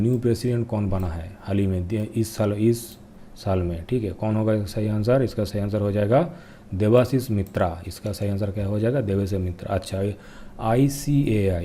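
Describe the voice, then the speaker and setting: A young man teaching an exam-prep quiz lesson, repeating each answer and pressing viewers to comment quickly. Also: lowish voice, mellow, slight background noise. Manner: reads English questions out slowly. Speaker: current affairs teacher.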